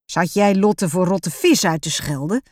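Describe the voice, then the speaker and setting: A kind, mildly amused father with a gentle way of speaking, as a woman reads him. The voice stays near the reader's low, even tone. The recording is dry and close. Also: unhurried, dry recording.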